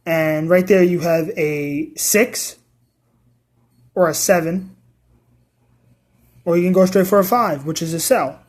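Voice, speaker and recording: A man's voice: high-pitched, darkish tone. A tired man casually talking through a card game deck, hesitant and stumbling, often restarting his sentences. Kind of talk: casual deck profile talk.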